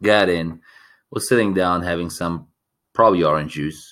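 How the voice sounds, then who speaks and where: A man with a deep, low voice co-hosts a casual podcast, chatting and telling stories with enthusiasm. His voice is still a little worn from yelling at a match days ago. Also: normal speed. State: recovering a lost voice. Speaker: podcast co-host. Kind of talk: casual chat.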